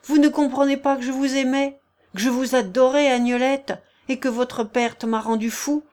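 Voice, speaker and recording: A woman's voice: medium pitch, moderate pace, a little mellow, natural voice. A woman reading aloud and voicing a tormented young man who leads wolves, speaking in intense, anguished outbursts. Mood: anguished passion. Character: male wolf-leader, tormented, passionate young man.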